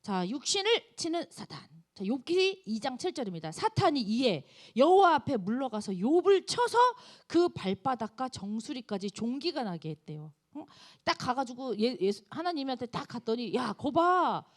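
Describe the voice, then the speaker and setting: A woman's voice: high-pitched, big pitch swings, normal speed. A woman preaching a sermon to a college group, telling the story with animation and asking her listeners questions.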